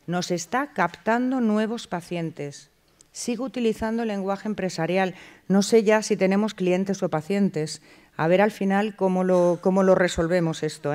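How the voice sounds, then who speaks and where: An animated woman from lectures a conference audience in a mid-range voice. She keeps the talk lively with rhetorical questions and short acted-out phone exchanges. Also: mid-range voice. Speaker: conference speaker. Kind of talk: lecture at a clinical communication conference.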